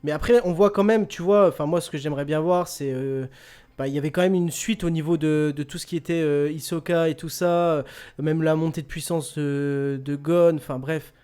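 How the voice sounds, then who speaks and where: A man's voice: on the high side, fairly even intonation, normal speed, darkish tone, clean tone. A man hosting a casual quiz show, joking, laughing often and repeating his words. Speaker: host of an online quiz radio show.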